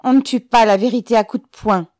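A woman voicing a defiant male peasant who speaks out forcefully against his oppressor in an audiobook. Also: fairly low pitch, unhurried, dry recording, clean studio sound.

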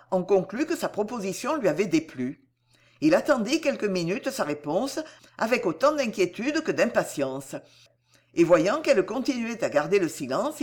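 Woman narrating a classic novel, expressive pitch. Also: slightly rough. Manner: measured literary reading.

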